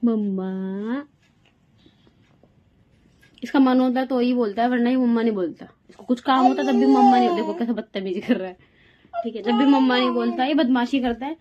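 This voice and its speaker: A woman's voice: a little high, fast talker, dark tone, muffled recording. Young woman chatting in a home vlog. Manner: chatty, coaxing her toddler in a sing-song voice. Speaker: vlogger. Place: home rooms, indoors.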